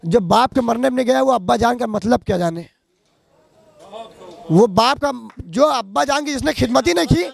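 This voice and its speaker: A man's voice: very high voice, lively intonation, normal speed, creaky. A man, speaking in a heated street interview in a fiery, accusing, oratorical way. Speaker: local resident interviewed.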